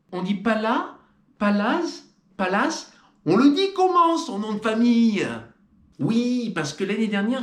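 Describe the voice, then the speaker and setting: Teasing French man in an echoey room. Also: a little high. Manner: mock-solemn and teasing, theatrical emphasis. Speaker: trail running video host. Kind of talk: playful scripted commentary.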